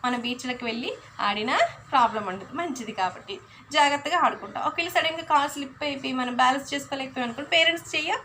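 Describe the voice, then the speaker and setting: A woman's voice: high voice, quick pace, background noise. A young woman teacher telling a cautionary story to young pupils, coaxing them along and constantly asking the class questions. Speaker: school teacher.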